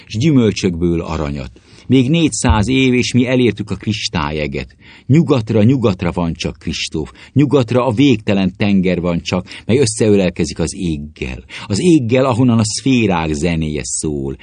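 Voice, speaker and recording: A man's voice: a little mellow, dry recording. A man voicing a proud, cold male alchemist in a story reading, with a rapt, incantatory delivery. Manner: rapt, incantatory, sweeping pitch. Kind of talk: audiobook reading.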